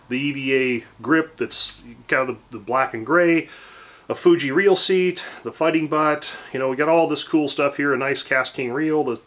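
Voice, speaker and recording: A woodworking channel host in his forties speaks at a medium pitch in a relaxed, rambling way, full of fillers, restarts and self-corrections. He's giving a casual tutorial in his home workshop, recorded on a camera a few feet away.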